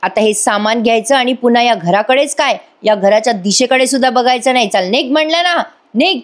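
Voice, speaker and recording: A stern young wife, put on by a woman narrator who barks curt orders at someone she scorns. The voice sits higher than a plain speaking voice and stays hard and commanding throughout. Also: lively intonation, a little fast, close to an everyday voice. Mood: scornful. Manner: harsh, commanding.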